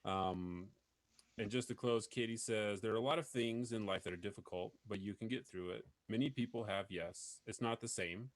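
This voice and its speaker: A man's voice: fairly low pitch, normal speed, no room sound. A man hosting a podcast, talking earnestly and rambling with many fillers in casual chat. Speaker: podcast host.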